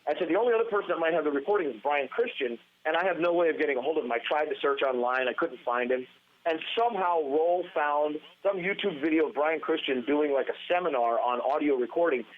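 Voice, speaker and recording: A man telling a long story as a podcast guest, animated and rambling, restarting his sentences often. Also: on the high side, fast talker, slight background noise. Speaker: podcast guest, former band guitarist. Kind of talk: casual storytelling interview. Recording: tinny phone-line sound.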